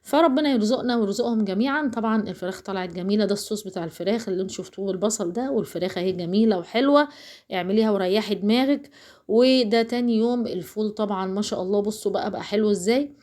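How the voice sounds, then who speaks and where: A woman's voice: mid-range voice, very fast, a little mellow. A woman with an Alexandrian Egyptian accent, chatting casually to viewers while cooking, rambling and talking straight to them. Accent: Alexandrian Egyptian Arabic. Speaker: cooking vlogger.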